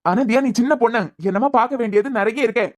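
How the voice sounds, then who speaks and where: A woman's voice: on the high side, fast, natural voice. A woman voicing a worried young husband in a cartoon who keeps pressing his wife to see a doctor. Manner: pressing, gently coaxing. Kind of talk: cartoon voice acting.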